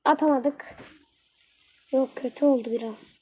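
A young woman giving excitable live commentary while playing a mobile game, talking to the characters on screen as she plays. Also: high-pitched, unhurried, slight background noise. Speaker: gaming channel host.

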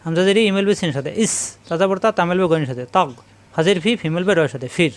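A male Quran reading teacher giving a step-by-step spelling lesson with a Bangladeshi Bengali accent, slowly drilling syllables and repeating them. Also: fairly high pitch. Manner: slow, repetitive syllable drilling.

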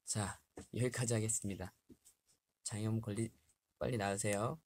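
A lowish, slightly mellow voice with fairly even intonation and normal speed belongs to a twenties-aged livestream host. In a small bare room he chats casually with fans, reading out health tips and laughing a lot. His desk-distance webcam picks up slight background noise.

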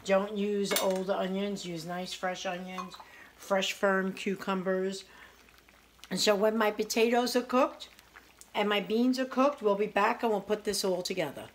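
A woman in her forties with a medium-pitched, steady voice takes her time hosting a casual home cooking show. In her kitchen she preps a salad, chatting in a homey way and tasting and praising it throughout. The counter camera at arm's length adds a little hiss or hum.

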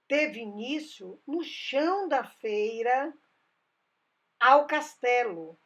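A woman narrates a travel video voice-over. She speaks slowly and carefully, walking through dates and history with small restarts. Her voice sits a little high and has a breathy, husky edge. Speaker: travel channel host.

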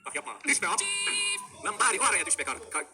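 Animated, high-pitched Turkish gamer man. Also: quick pace, gravelly, a crowd in the background. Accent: regional Turkish dialect. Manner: swears a lot, yells and laughs in frustration. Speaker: gamer streamer. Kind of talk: gaming commentary. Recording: loud game music behind.

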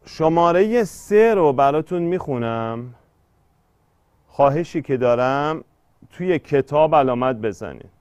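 A man's voice: on the high side, animated, darkish tone, clean tone, no echo, studio quality. A man teaching an exam-prep poetry lesson, explaining step by step and drawing out syllables when he scans verse.

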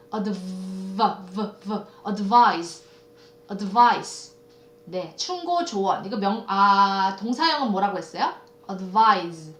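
Woman vocab teacher, slow and drilling, bright voice, roomy off-mic sound. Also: mid-range voice, recorded from a distance. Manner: repeats words in drills, explains pronunciation. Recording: echoey room, off-mic.

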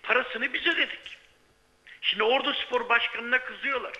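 A man's voice: very high-pitched, moderate pace, bright, forceful tone. A man calling in by phone to a live broadcast as a sports writer gives heated, insistent commentary, listing figures and asking pointed questions. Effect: phone line into a live broadcast. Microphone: telephone. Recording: muffled phone-line audio.

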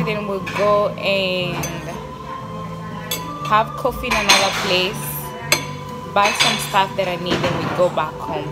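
A young woman chats casually to her phone camera in a big, empty restaurant, repeating words for emphasis. Her voice sits at a middle pitch. Loud music plays behind her. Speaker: vlogger. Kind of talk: casual vlog chat. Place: large empty restaurant indoors. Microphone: phone camera held at arm's length. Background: loud background music.

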